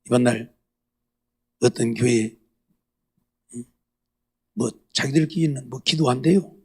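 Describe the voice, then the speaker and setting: A man's voice: mid-range voice, slow pace, gravelly, dark tone, husky. A middle-aged male pastor preaching a sermon, emphatic and scolding, firing off rhetorical questions to the congregation.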